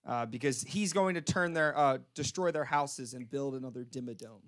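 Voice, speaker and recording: A man's voice: medium pitch, moderate pace, a bit bright. A man narrating a tabletop role-playing game as game master, laughing often and talking with many fillers and restarts.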